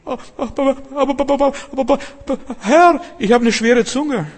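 A preacher voicing a stammering, reluctant Moses who pleads in a high, whining voice, heard in a reverberant hall. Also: male voice, a little fast. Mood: pleading.

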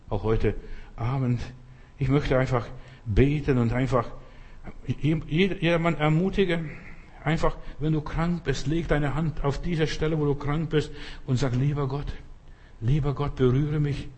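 Husky German preacher man. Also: fairly high pitch, unhurried, a little mellow. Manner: exhorting, rising into emphatic prayer. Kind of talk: sermon with prayer.

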